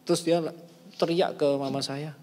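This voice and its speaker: A man telling personal stories in a casual talk, shifting between soft asides and loud emphasis. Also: fairly high pitch, steady tone, normal speed. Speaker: talk show speaker. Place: large church hall. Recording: hall with long reverb.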